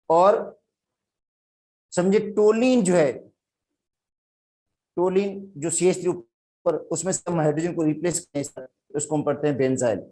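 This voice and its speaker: With a slightly high, mellow voice, a man from Pakistan teaches a chemistry class. He has a Sindhi accent, explains each step in turn, and refers to his students as "beta."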